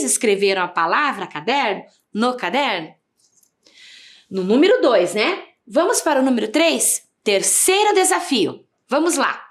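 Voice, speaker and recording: A Brazilian woman teaching a video reading lesson to young children, stretching out syllables and asking sing-song questions. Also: a little high. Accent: Brazilian Portuguese. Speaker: primary school teacher.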